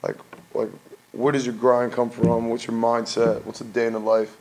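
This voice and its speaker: A man's voice: mid-range voice, monotone, normal speed, a little mellow, low-quality recording. A man hosting a casual interview in an indoor gym studio, upbeat and full of slang. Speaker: host.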